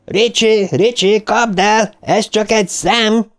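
A man voicing a frail asthmatic boy who yells frantically and furiously in high shrieks. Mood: frenzied shouting.

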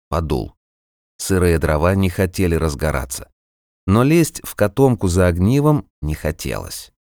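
Deep-voiced man narrating a fantasy audiobook. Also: dry recording, studio quality. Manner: measured, even storytelling. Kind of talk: scripted narration of a fantasy novel.

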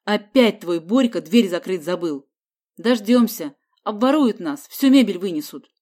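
A woman voicing a short-tempered middle-aged man who snaps and scolds loudly. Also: medium pitch, expressive, a little slow. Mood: angry. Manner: snapping, scolding, loud.

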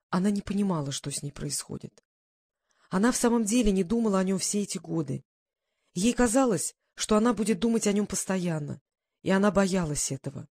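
A woman reading an audiobook in an even, measured narration. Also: mid-range voice, breathy edge, no echo, studio quality. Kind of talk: scripted narration.

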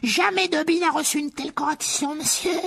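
A very high, thin-voiced male house-elf, as a woman acts him out, timid and fretful. He pleads, frets and scolds himself in an audiobook drama. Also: brisk, gravelly, fairly bright tone. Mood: pleading. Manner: pleading, fretful and self-punishing.

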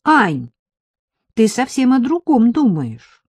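A woman doing a blunt, excitable schoolgirl. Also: a little high, slow pace, breathy edge, no echo, studio quality, voice pushed up, full character voice. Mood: frank, excitable. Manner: frank, excitable. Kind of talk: audiobook narration.

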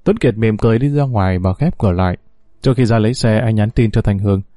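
A man narrating a story in a steady storytelling delivery. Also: fairly low pitch, fast talker, dry recording, clean studio sound.

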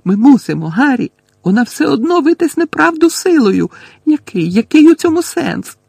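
A man reading an audiobook voices a desperate teenage schoolgirl who pleads in a high, shrill, cracked voice. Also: big pitch swings, normal speed, gravelly, darkish tone, dry recording, studio quality, full character voice.

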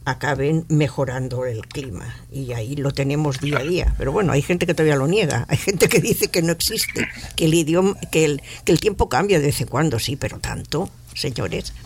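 A woman's voice: deep voice, fairly quick, a little mellow, a little hiss or hum. A woman from Catalonia speaking on a radio panel in a studio, earnest and emphatic, with frequent hesitations. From Catalonia, Spain.

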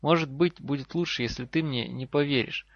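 Мужчина озвучивает умного упрямого мальчика-волшебника, говорит напряжённо и настойчиво; запись сухая, немного глуховатая. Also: male voice, mid-range voice, fairly quick, no echo, lightly acted. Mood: defiant. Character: clever defiant schoolboy wizard. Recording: slightly dull lo-fi recording.

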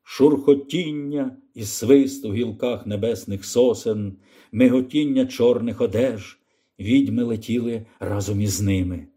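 A man with a mid-range voice narrates an audiobook, giving a measured, expressive reading of scripted narration.

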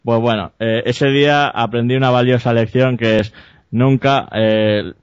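Hombre español contando anécdotas con gracia. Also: male voice, mid-range voice, steady tone, measured pace, clean tone, dry recording. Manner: rambling, self-correcting, jokey and crude. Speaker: podcast host telling an anecdote. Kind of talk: casual storytelling chat. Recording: dull, dry lo-fi podcast audio.

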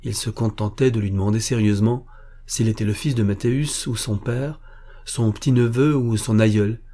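Low, dark-toned male audiobook narrator, steady, steady. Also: normal speed. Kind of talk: scripted narration.

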